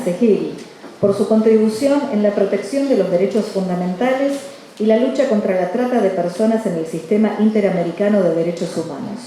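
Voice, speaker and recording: Mellow-voiced woman announcing in a very echoey hall. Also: medium pitch. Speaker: ceremony presenter. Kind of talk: formal scripted announcement. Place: large echoey room at a ceremony. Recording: very echoey hall, faint noise.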